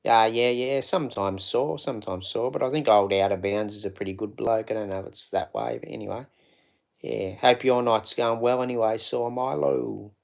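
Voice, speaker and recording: Male streamer, gravelly voice, loose rambling chat, greets viewers by name. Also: medium pitch, steady tone, normal speed, a little mellow. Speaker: live streamer. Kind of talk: casual live stream chat.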